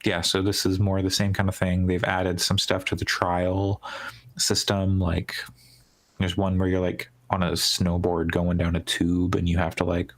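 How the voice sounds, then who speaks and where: Podcast co-host, man, very low and creaky, meandering casual talk with many fillers. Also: monotone, measured pace. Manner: rambling, heavy use of "like", trailing restarts. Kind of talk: casual gaming podcast chat.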